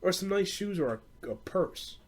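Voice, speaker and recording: Exasperated and joking, a young man from the United States rambles through his podcast with lots of cursing and bro talk. His voice is high-pitched with lively intonation, delivered at a normal speed.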